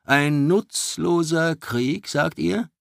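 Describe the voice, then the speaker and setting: A man voicing a haughty baron who challenges others sarcastically and loudly in an audiobook. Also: fairly high pitch, very slow, creaky, dry recording, clean studio sound, voice pushed up, full character voice. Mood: challenging. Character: haughty, combative male baron.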